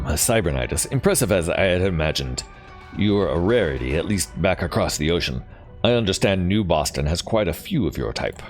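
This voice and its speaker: A man reading out the lines of a guarded male corporate vice president in a video game, in his own plain low voice without an accent. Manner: reads dialogue aloud, plain voice, no accent attempted.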